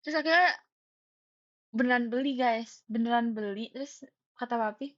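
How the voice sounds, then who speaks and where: A young woman casually telling a story to her livestream viewers, animated, acting out the dialogue and jumping to high squeals when excited. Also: brisk. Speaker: idol livestream host. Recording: slightly dull lo-fi stream audio.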